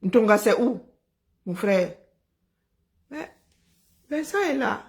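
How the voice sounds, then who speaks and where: A woman hosting a live stream, talking in an animated, sarcastic, chatty way. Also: a little high, slow. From Cameroon. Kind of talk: casual live commentary.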